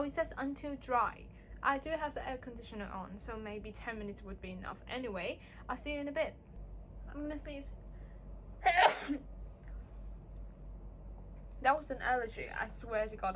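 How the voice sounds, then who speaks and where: Recording her vlog in a home room, the young beauty vlogger, a native Cantonese speaker, does her skincare while chatting casually and teasing herself. She speaks at normal speed with long pauses, her slightly high voice expressive and fairly bright, with a faint hiss or hum.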